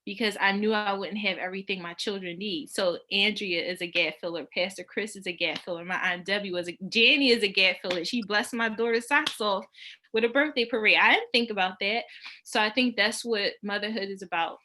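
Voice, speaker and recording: A woman in her forties talks about family in a relaxed podcast chat. Her voice is bright and sharp at a middle pitch. She speaks from the heart and laughs easily. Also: brisk, slight background noise. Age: 40s. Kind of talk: casual chat.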